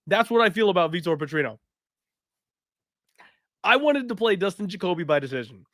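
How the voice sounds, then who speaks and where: A man hosting a sports betting podcast, recapping fights casually in a raspy, throaty voice while sick with a cough. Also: high-pitched, sing-song, fairly quick, a bit bright, dry recording, studio quality.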